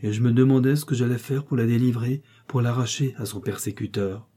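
A man's voice: mid-range voice, fairly even intonation, a little fast, warm tone, breathy edge. A man reading a novel aloud in the first person, with dramatic, emotional delivery. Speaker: audiobook reader.

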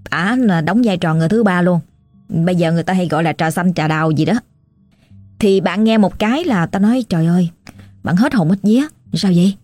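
A woman's voice: mid-range voice, mellow, no room sound. Southern Vietnamese woman telling ghost stories. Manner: chatty, dramatic, addresses the listener directly. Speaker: storyteller. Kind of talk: conversational ghost story narration.

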